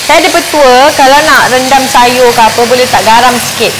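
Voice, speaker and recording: A woman's voice: high voice, brisk. A woman with a Malaysian Malay accent chatting casually as a cooking co-host, often interjecting and echoing. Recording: sizzling, frying kitchen noise.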